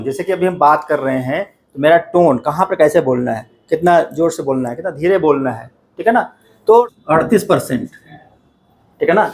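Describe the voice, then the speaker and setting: A middle-aged man teaches a class in a classroom, speaking straight to his students. His voice sits fairly high, and he keeps checking that they follow him as he explains. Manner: addresses students directly, repeats "ठीक है ना" often. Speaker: coaching teacher. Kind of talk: classroom lecture.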